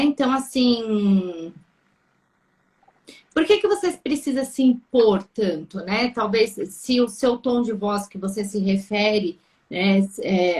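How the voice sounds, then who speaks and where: A woman's voice: medium pitch, a little mellow. A woman, a therapist co-hosting a live Q&A, who talks things through with a string of probing, reflective questions. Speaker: therapist co-host. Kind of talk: live Q&A chat.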